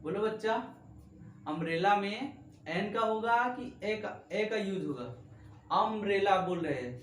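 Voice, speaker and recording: A man's voice: high-pitched, slight background noise. A male teacher giving a classroom grammar lesson, asking the class question after question and spelling words out letter by letter. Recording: echoey room, voice from a distance.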